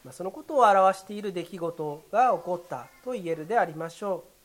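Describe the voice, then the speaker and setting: Measured, formal pastor preaching. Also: medium pitch, lively intonation. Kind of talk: sermon.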